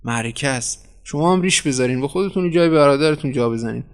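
A man voicing a calm, flattering newspaper editor who talks a painter into staying dead. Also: medium pitch, smooth, lightly acted. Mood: persuasive. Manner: cool, persuasive, flattering. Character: smooth, scheming middle-aged male newspaper editor.

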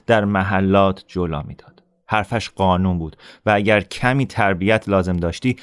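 A man reading a novel aloud as narrator, in a measured, calm storytelling manner with a close microphone. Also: low-pitched, no room sound. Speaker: narrator, audiobook reader. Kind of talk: scripted narration.

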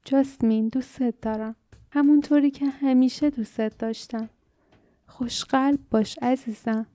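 Gentle ghostly mother spirit, breathy and high, a woman reader doing her in an audiobook. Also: fairly even intonation, dry recording, lightly acted. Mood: tender, solemn. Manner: soft, breathy, moaning like wind. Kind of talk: audiobook character reading.

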